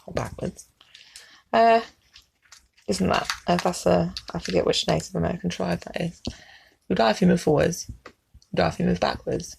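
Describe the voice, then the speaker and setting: Very creaky woman reading a storybook. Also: fairly low pitch, steady tone, normal speed, long pauses, a little mellow, slight background noise, rough recording. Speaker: storybook reader. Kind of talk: read-aloud storytelling with casual muttered asides.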